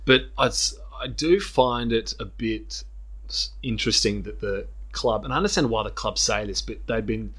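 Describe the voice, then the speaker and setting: A man's voice: lowish voice, moderate pace, fairly bright tone. An Australian man co-hosting a casual podcast, teasing his friends and laughing often. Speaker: podcast co-host. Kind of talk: casual chat.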